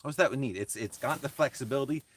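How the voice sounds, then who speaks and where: Working on a craft during a livestream, a man with a mid-range voice talks casually to viewers and answers their comments. His speech is halting and reflective, and the recording carries slight hiss or hum.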